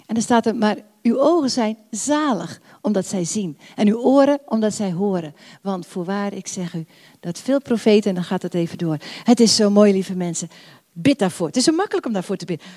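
An older woman preaching a sermon, warm and emphatic, repeating phrases and drawing out her prayers. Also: mid-range voice, expressive, brisk. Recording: long hall reverb.

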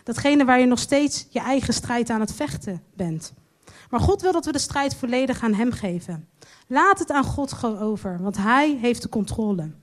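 A woman preaching a sermon, earnest and slowing down to stress her key lines. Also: on the high side, lively intonation.

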